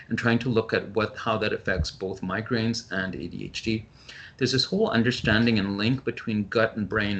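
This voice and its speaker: A male physician giving a webinar talk over a video call, explaining briskly with frequent ums and restarts. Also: on the low side, fairly bright tone. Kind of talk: webinar presentation.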